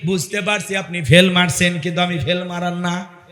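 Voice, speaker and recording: A man's voice: sits high, steady tone, moderate pace, pushed and bright, in a large hall, faint music behind. A man voicing a loyal, proud male house dog who talks in a plain, matter-of-fact way.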